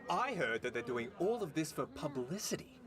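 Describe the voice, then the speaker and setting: A man's voice: on the high side, big pitch swings, normal speed, a crowd in the background, pitched above the performer's own voice. A man voicing an indignant, suspicious townsperson in a documentary skit. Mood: accusing. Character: indignant townsperson crying fraud.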